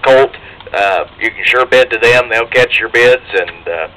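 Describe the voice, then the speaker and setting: A man's voice: mid-range voice, a little slow, bright, forceful tone. A middle-aged man, announcing as a plain-spoken, folksy auctioneer at a live sale. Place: outdoors at a tree lot, from an auction truck. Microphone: handheld PA microphone, filmed by bystander's camera. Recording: noisy outdoor PA recording.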